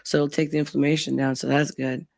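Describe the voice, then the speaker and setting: A woman with a hoarse, gravelly voice, losing it to laryngitis, hosting a casual live stream in a blunt, sweary manner. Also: low voice, little pitch movement, quick pace, darkish tone, no echo.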